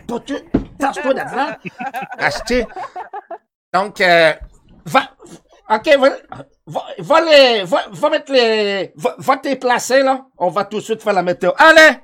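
A man's voice: high voice, fairly bright tone. Quebec guy doing a goofy weather bit, stumbles over his words a lot, bouncy voice. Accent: Quebec French. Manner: rambling, stammering, joking. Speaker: comic weather presenter. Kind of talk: improvised comedy sketch.

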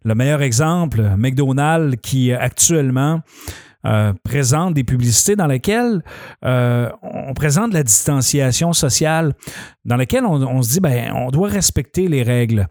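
A man's voice: mid-range voice, expressive, unhurried, a little mellow, no echo, studio quality. A man giving a casual spoken commentary, conversational with many fillers and restarts, addressing listeners directly. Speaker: commentator on advertising.

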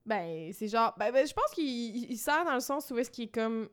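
A young woman with a Québécois accent, co-hosting a casual chat, animated and slangy. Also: on the high side, normal speed. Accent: Québécois French. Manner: animated, slangy, laughs often. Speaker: podcast co-host.

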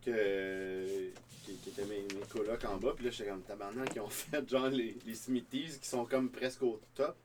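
A man's voice: on the low side, fairly even intonation, normal speed, hardly any pauses. A man with a Quebec French accent, co-hosting a podcast in casual chat, opinionated and swearing freely. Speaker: podcast co-host. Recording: distant mic with faint noise.

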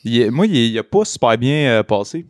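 A man's voice: medium pitch, big pitch swings, a little fast, dry recording, clean studio sound. A man in his twenties with a Québécois French accent, co-hosting a casual chat in informal, slangy speech mixed with English words. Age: 20s. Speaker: podcast co-host. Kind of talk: casual chat about a TV series.

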